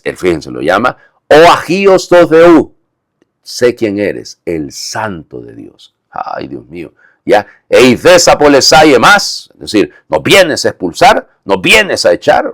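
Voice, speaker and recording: A man's voice: lowish voice, huge pitch swings, unhurried, creaky, a bit bright, breathy edge, no room sound, studio quality. A male priest giving a homily, explaining the text with frequent tag questions and emphatic delivery.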